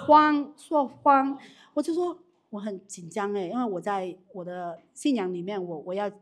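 Leading a live business training with questions from the audience, a medium-pitched woman speaks with animation and frequently restarts her sentences.

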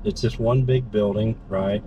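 Recorded in a noisy car on the move, a man with a lowish, steady voice hosts his vlog as he drives, speaking a little slowly. The high frequencies are cut off. He keeps things informal, often tacking on brief tag questions, over a bed of road and engine noise.

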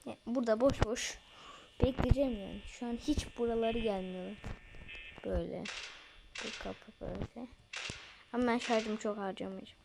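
A woman giving casual, excitable commentary while playing a game, chatting to her viewers. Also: a little high, moderate pace, creaky, long pauses, background noise. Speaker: let's play gamer.

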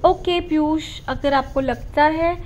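A woman's voice: sits high, steady tone, takes it slowly, darkish tone, slight background noise. A woman IELTS teacher with a slight Punjabi accent runs a live online class, mixing Hindi and English and reassuring her students. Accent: Punjabi-tinged Indian English. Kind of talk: live online class, reading viewer comments.

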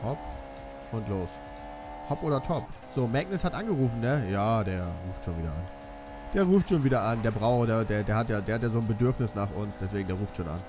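A man's voice: fairly low pitch, expressive, a little fast. A young man giving joking, self-mocking commentary while playing a racing game. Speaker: let's play commentator. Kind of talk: casual gameplay commentary. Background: game music and car sounds.

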